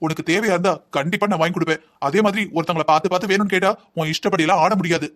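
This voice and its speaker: A patient, thrifty husband in a cartoon drama, played by a man, lecturing his wife in long explanations. He talks in a very rapid stream on a fairly high voice. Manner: calm lecturing, explaining at length. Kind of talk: Tamil cartoon voice acting.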